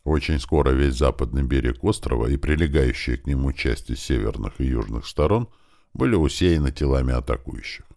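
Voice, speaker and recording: A man with a very deep, low voice reads an audiobook. His delivery is lively, and his pitch rises and falls a lot as he moves through the story. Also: fairly quick, vocal fry. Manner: lively, shouting out the characters' battle commands. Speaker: audiobook narrator. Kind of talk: audiobook narration.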